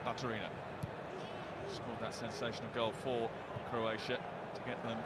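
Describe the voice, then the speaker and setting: A man's voice: mid-range voice, flat delivery, normal speed. A man giving live television football commentary as the lead match commentator. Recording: loud stadium noise behind the voice.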